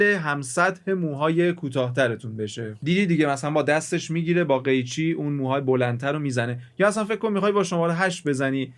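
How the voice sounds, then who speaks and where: A man teaching music mixing in a casual, chatty way, talking straight to the viewer and explaining with everyday examples. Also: fairly high pitch. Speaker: music production instructor. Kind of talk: casual screen-recorded tutorial.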